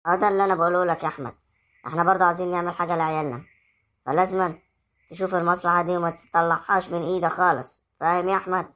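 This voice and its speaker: A woman's voice: on the low side, flat delivery, very fast, fairly bright tone, lightly acted. A woman with an Egyptian accent acting a young village wife who coaxes her husband in an amateur family drama. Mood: coaxing. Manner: coaxing, persuasive.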